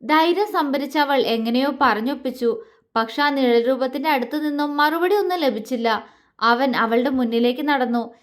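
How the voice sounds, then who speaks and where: A woman's voice: high voice, normal speed. A woman reading a romantic audio story aloud as a storyteller, voicing the lovers' lines herself. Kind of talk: scripted story narration.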